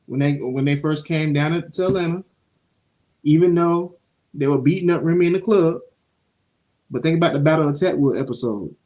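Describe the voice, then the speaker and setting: Animated man, higher voice. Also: moderate pace, long pauses. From Jacksonville, Florida (Duval). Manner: animated storytelling, swears freely, loose and streetwise. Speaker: podcast co-host. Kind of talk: casual show review chat.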